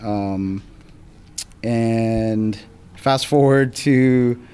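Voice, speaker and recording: At a live podcast recording in front of a small audience, a male guest photographer talks casually about himself: he's from the Philippines and grew up in Los Angeles. He speaks very slowly in a clean, dark, mid-range voice, with lots of ums and restarts.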